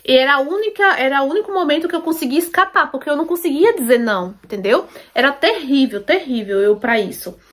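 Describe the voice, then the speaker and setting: High-voiced woman telling her story. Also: lively intonation, quick pace, few pauses. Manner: emphatic, repeats herself, asks listeners for agreement. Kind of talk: personal storytelling to viewers.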